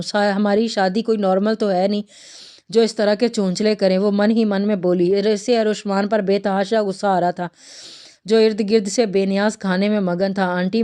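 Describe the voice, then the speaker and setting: Give me a woman with a smooth, clear voice narrating a romance novel. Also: medium pitch. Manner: steady storytelling. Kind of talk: reading a romantic novel aloud.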